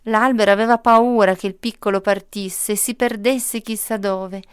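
Smooth-voiced woman reading a storybook. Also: mid-range voice, normal speed, dry recording, studio quality. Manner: gentle, expressive reading with lively emphasis. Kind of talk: storybook read-aloud.

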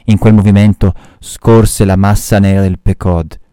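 Man reading a novel to a class, low pitch, close dry sound, measured delivery. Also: steady tone, mellow, clear, resonant tone, no room sound. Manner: measured storytelling with short explanations. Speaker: teacher. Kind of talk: reading a novel aloud to students.

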